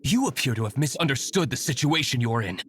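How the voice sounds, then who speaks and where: A man's voice: medium pitch, animated, fast talker, background noise, lightly acted. An actor voicing a cool, stern young male vigilante in a video game, speaking formally and with controlled menace. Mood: cold menace.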